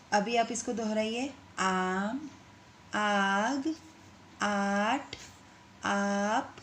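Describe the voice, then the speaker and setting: A woman teacher giving a lesson to young children. She talks patiently and stretches words into slow syllables so they can repeat them. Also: on the high side, reverberant, a little hiss or hum. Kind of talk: online class lesson.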